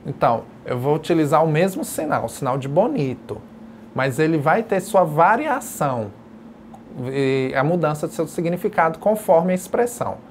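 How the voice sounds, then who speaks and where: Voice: medium pitch, animated, moderate pace, a little hiss or hum. A sign language teacher giving a recorded distance-learning lecture, explaining patiently and step by step while demonstrating signs. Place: educational video studio.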